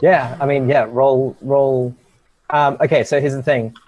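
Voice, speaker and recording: A man's voice: mid-range voice, level tone, a little slow, a little mellow, no room sound, muffled recording. Dry, close-sounding male game master. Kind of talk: casual rules guidance and prompting.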